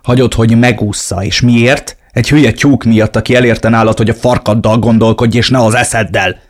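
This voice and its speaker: A man voicing a ruthless, mocking cartel henchman in an audiobook. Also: fairly low pitch. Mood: angry. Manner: mocking, shouting. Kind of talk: audiobook reading.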